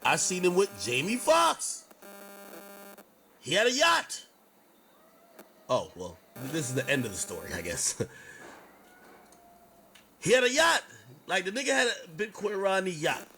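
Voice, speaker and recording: A man's voice: high-pitched, measured pace, long pauses, a little hiss or hum, rough recording. A man on a stream telling a long story in a casual, profane way, acting out what people said. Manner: animated, profane, acts out quotes.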